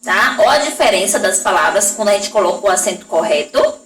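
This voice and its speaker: A Brazilian woman teacher giving a recorded lesson to young children, drawing out example words slowly and checking in with the class often. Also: mid-range voice, animated, fairly bright tone, a little hiss or hum. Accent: Brazilian Portuguese. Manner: slow, drawn-out pronunciation of example words; frequent checking tags to the class. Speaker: primary school teacher. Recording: echoey room, voice from a distance.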